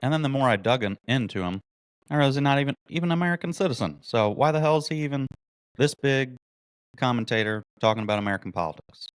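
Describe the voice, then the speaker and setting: A man's voice: mid-range voice, animated, fast talker, clean tone, no echo. A man hosting a podcast, delivering a mocking, indignant political commentary monologue and reading articles aloud. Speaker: podcast host.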